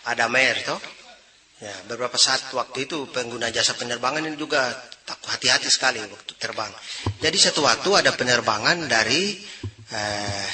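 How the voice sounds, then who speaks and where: A man with a Papuan accent telling funny folk stories, lively and jumping into characters' voices. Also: mid-range voice. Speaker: comedy storyteller. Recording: roomy echo.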